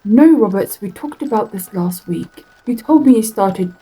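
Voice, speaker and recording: A woman voicing a calm, patient female psychiatrist who speaks in measured, reassuring tones in a spoken horror story. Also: medium pitch, slightly rough, pitched above the performer's own voice, poor audio.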